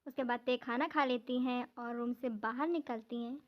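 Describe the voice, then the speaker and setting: A woman's voice: fairly high pitch, steady tone, normal speed. A woman narrating a fan dub story in a plain, explanatory way. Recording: dull lo-fi home recording.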